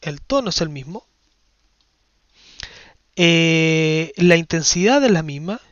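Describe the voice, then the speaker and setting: A man with a fairly high voice explains physics to his class, step by step, checking that students follow. The recording is dry and a little dull. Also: animated, slow, a bit bright, no echo. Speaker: science teacher. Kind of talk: physics lesson explaining exam questions.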